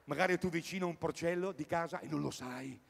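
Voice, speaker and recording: A man doing a rambling stand-up comedy routine at a live concert, swinging between loud bursts and mutters. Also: a little high, quick pace, vocal fry, breathy edge, long reverb tail. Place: outdoor tennis courts at a live event.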